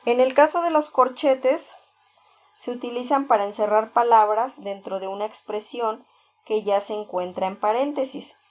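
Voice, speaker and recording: A woman teacher giving a recorded lesson, explaining step by step with examples and filling pauses with "este". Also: on the high side. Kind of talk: recorded reading-skills lesson. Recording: dull lo-fi recording.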